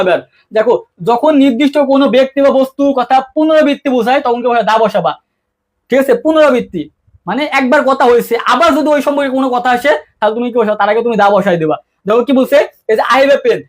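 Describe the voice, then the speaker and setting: A man teaching an English grammar lesson, constantly asking his students questions and answering them himself in a casual, colloquial way. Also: extremely high pitch. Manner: quick-talking, keeps asking students questions; colloquial, mixes English terms into speech. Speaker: English tutor. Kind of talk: online exam-prep lesson.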